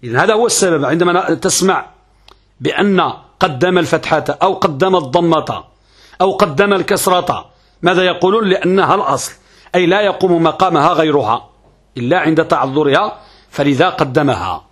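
Moroccan guy teaching grammar class, kinda husky, repeats the key words. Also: a little high, a little fast, fairly bright tone. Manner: asks and answers his own questions, repeats key terms. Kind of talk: classroom lesson.

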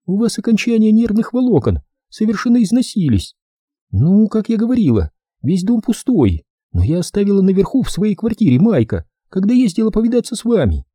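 A man reading an audiobook voices a sharp-tongued, impatient young brunette woman who scolds and chatters. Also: high-pitched, huge pitch swings, a little fast, breathy edge, no room sound, studio quality, voice pushed up, exaggerated voice.

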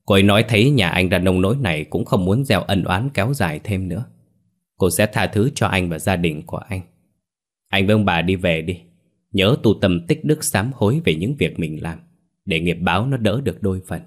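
A man playing an older spiritual master who speaks calmly and with authority. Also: low-pitched. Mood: stern calm. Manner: calm, measured, authoritative. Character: older male spiritual master, calm and stern.

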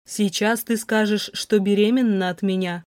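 A scornful rich young man, as a woman narrator puts him on, speaking in a slow, icy, mocking drawl. The voice sits a little lower than her usual reading voice. The recording is close and dry with no room sound. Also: fairly even intonation, darkish tone, no echo, natural voice. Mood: contemptuous. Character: cold contemptuous wealthy young man.

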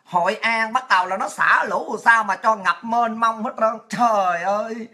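Woman, mocking ranting host, crude and sarcastic, bright edge to the voice. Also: a little high, normal speed. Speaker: political commentator. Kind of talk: ranting monologue.

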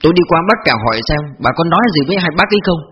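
A man's voice: on the high side, lively intonation, very fast, breathy edge, voice pushed up. A man voicing a hot-tempered village husband and grown son, blunt and stern. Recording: dull lo-fi audio with faint music.

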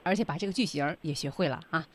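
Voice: medium pitch, very fast. Host of a radio English lesson, sums up each point and cues the teacher, medium voice. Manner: summarizes and prompts the teacher.

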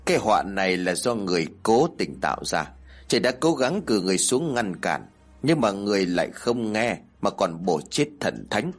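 A man playing a grave old sorcerer. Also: very animated. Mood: foreboding. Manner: slow, solemn, low. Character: grave old male village sorcerer, solemn.

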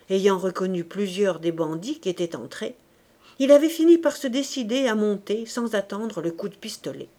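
A woman's voice: medium pitch, warm tone. Woman narrating a classic novel. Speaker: audiobook reader. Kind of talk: literary audiobook narration.

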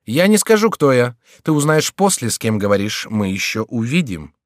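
For an audiobook, a man voices a sardonic male court jester who mockingly teases and scolds a king. His medium-pitched delivery swings widely in pitch at normal speed, set a bit above his own voice yet close to everyday speech, in clean studio sound with no room tone.

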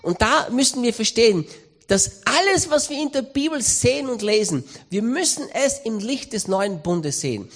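A man, a missionary preacher giving a lively sermon with stories and raised emphasis. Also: very high-pitched, normal speed. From Austria. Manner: animated, storytelling, raising voice for emphasis.

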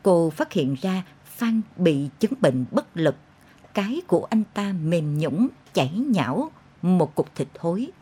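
A woman narrating a dark literary story in an intense, expressive way. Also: on the low side, a little slow, husky. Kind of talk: dramatic audiobook narration.

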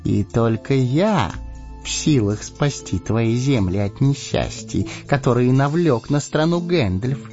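A man voicing a cunning, persuasive old male wizard who speaks in a slow, coaxing, ingratiating way. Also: mid-range voice, expressive, a little mellow. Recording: dull lo-fi audiobook with faint music.

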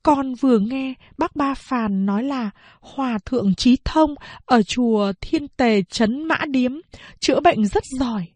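A woman's voice: sits high, unhurried, darkish tone, no room sound, pitched above the performer's own voice. A woman reading aloud, voicing a determined young mother who speaks earnestly. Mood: pleading.

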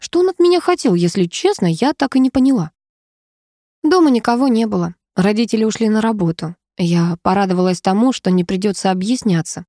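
A woman reading a first-person novel aloud with lively, expressive storytelling. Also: mid-range voice, a little fast, no room sound, studio quality. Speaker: audiobook narrator.

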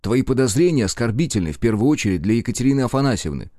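A man voicing a calm young gentleman who speaks firmly and curtly as he loses patience. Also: medium pitch, rapid-fire, dry recording, studio quality, close to an everyday voice. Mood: stern. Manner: firm and curt.

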